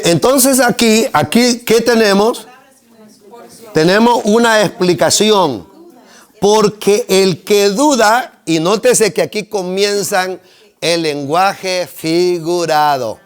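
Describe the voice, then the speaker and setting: High-voiced, slow-speaking male teacher. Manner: joking, asks the class questions. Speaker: homiletics teacher. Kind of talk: seminary workshop lecture.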